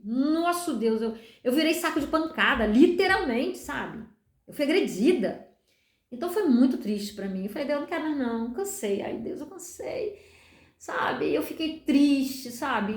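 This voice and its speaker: A middle-aged woman pastor with a Brazilian Portuguese accent shares a personal testimony in a candid, conversational devotional style. Her voice sits high, and she keeps turning to her listeners to check they follow. The recording has a roomy echo.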